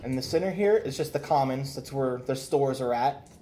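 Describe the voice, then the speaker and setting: A man's voice: mid-range voice, normal speed, mellow, slight background noise. A man narrating a tabletop role-playing game as game master, casual and loose, with fillers and laughter.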